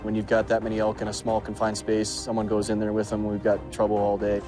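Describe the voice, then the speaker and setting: Quick-talking man with lowish voice. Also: monotone. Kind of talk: casual interview recollection. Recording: music laid under interview.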